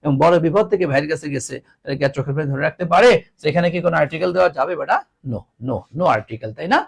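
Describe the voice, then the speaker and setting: Man, English teacher, animated sing-song delivery, repeats words, teasing scolds. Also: fairly high pitch, racing, creaky. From Bangladesh. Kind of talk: classroom grammar lesson.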